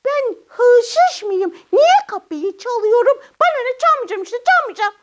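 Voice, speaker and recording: Woman playing a cheeky child puppet, very high squeaky voice, bouncy sing-song lilt, sassy and stubborn, children's puppet comedy. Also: sing-song, measured pace, exaggerated voice. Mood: indignant. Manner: sassy, twists every word into a misunderstanding.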